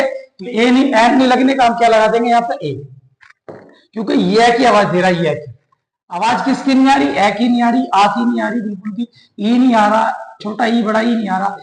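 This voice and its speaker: A man's voice: very high-pitched, reverberant, poor audio. A man teaching an English grammar class, explaining step by step and answering his own questions to the students.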